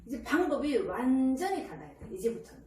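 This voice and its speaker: A woman giving parenting advice in casual counseling talk, lively and animated, often acting out a child's voice. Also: high-pitched, brisk. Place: counseling room indoors. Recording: echoey room from a distance, faint ambient noise.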